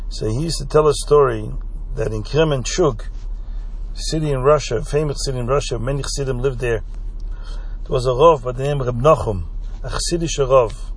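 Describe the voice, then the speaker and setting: A man from Belgium telling a Chassidic story in an unhurried way, glossing Hebrew terms in English as he goes. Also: medium pitch, vocal fry, husky.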